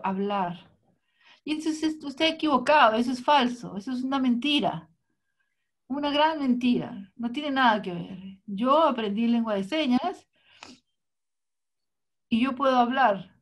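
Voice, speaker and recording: A woman gives a live interpretation of a talk in the first person. Her voice sits a little high. Her phrasing is halting, with frequent restarts. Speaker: sign language interpreter.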